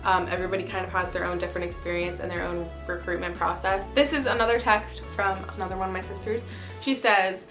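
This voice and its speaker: A woman's voice: lowish voice, fairly even intonation, quick pace, music in the background. A young woman talking in a chatty, informal way, giving casual advice in a vlog style. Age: young adult. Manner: chatty, informal, frequent "super" and "like". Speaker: sorority member giving recruitment advice. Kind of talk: casual advice vlog, reading messages and commenting.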